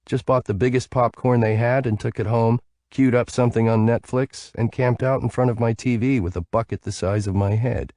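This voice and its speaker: A man's voice: medium pitch, steady tone, moderate pace, hardly any pauses, a little mellow, no room sound, clean studio sound, pitched above the performer's own voice, close to an everyday voice. A man doing a giggly, sleepy young woman. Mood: playful. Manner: giggly, rambling, playful.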